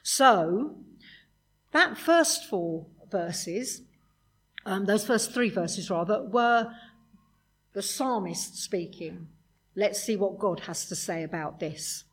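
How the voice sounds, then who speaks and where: Woman preacher, breathy, conversational sermon delivery. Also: mid-range voice, lively intonation, slow pace, pauses often. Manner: conversational, with rhetorical questions.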